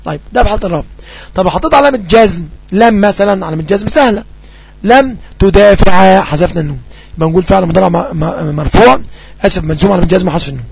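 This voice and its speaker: A man with an Egyptian accent teaching Arabic grammar. He asks quick questions and answers them himself, and slows down to read out the example sentences. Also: high-pitched, vocal fry, husky. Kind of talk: grammar lesson.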